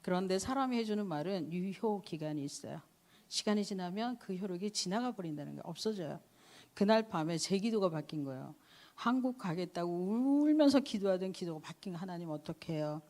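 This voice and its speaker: A middle-aged woman missionary giving a conversational church sermon and testimony, animated and chatty, often affirming with a quick "yes". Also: lowish voice. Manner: animated, conversational preaching with frequent "네" and laughs.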